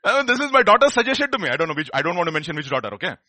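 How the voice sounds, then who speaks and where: A middle-aged Indian man delivers a sermon in a high, forceful voice with a rough edge. His pitch swings widely as he poses questions and repeats key phrases to drive them home. His accent is Indian and his delivery is conversational. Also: big pitch swings, rapid-fire, dry recording. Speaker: preacher. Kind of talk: animated sermon.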